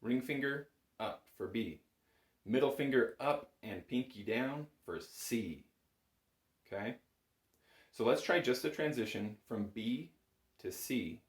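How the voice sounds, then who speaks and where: Animated yet unhurried, a medium-pitched male instructor takes a chanter lesson slowly and pauses often between steps. He keeps it casual, patient and encouraging. The small home music room lends a roomy echo.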